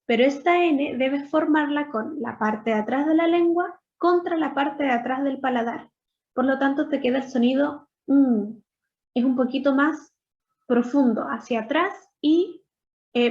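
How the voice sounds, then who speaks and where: A woman English teacher, patiently explaining grammar step by step and slowly modeling English words in a recorded lesson. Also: high-pitched, darkish tone. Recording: dull lo-fi voice recording.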